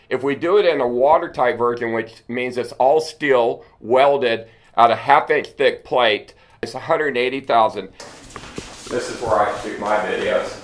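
This middle-aged bunker company owner has a slightly bright, mid-range voice. He leads a tour underground, presenting his product casually and plainly like a salesman, while the enclosed space echoes over faint background noise.

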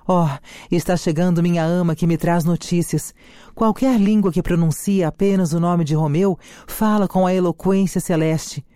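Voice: medium pitch, steady tone, moderate pace, mellow, no echo, clean studio sound, close to an everyday voice. Juliet, a reader voicing a lovesick young noblewoman. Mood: longing. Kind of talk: dramatic reading of a play.

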